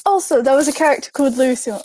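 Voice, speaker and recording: A woman's voice: high-pitched, racing, a little mellow, a little hiss or hum. A young British woman co-hosting a casual podcast chat, giggling and breaking off mid-word. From Britain. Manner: giggly, trails off and restarts words. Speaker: podcast co-host.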